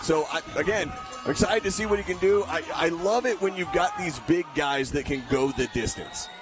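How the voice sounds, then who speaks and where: High-pitched man commentating on fights. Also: normal speed. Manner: conversational, enthusiastic. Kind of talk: live sports commentary. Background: music.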